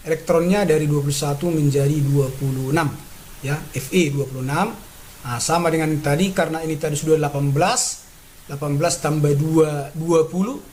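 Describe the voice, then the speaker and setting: A man's voice: on the high side, a little mellow, a little hiss or hum, low-quality recording. A man teaching a chemistry lesson step by step, patient and repetitive, often checking in with "ya" and "nah". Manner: patient, repeats steps, frequent "ya" and "nah" checks. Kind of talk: classroom lesson explaining on a board.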